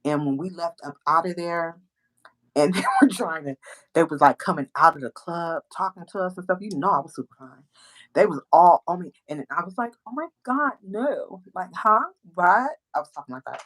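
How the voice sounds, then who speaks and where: Low-voiced woman telling a lively story. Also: brisk, low-quality recording. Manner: animated storyteller, acts out quoted voices. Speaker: host. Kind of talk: casual storytelling chat.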